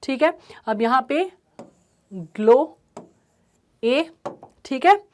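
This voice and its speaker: High-voiced woman teaching a poem. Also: animated, very slow, darkish tone. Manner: repeats "ठीक है" often, mixes English terms into Hindi. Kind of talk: explaining a poem to school students.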